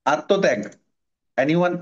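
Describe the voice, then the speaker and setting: A male teacher with a slightly high voice leads a class with patience and encouragement, often pausing to quiz his students. The recording is dull and lo-fi. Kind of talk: online class lecture. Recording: dull lo-fi audio.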